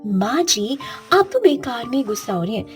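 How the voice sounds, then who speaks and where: Woman voicing a high pleading young bride. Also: very animated, moderate pace, faint music behind. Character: young timid daughter-in-law, pleading. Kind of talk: animated story voice acting.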